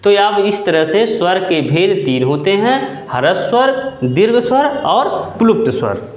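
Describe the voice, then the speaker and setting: A man's voice: high voice, very animated, unhurried. A man teaching a grammar lesson to a class, stretching out sounds with emphatic repetition and often checking whether students follow. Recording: echoey, dull room sound with faint noise.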